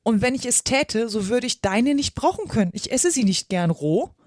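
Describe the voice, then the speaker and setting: A woman's voice: fairly high pitch, expressive, moderate pace, a little mellow, no room sound, studio quality, voice pushed up. A woman voicing an earnest, easily flustered little girl in a storybook reading, protesting indignantly. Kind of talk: audiobook character reading.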